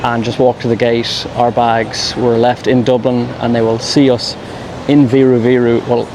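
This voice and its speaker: Understated man vlogging with little pitch movement. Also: little pitch movement, normal speed, background noise. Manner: understated, slangy, rambling asides. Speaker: travel vlogger. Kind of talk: casual vlog commentary. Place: walking around an airport terminal.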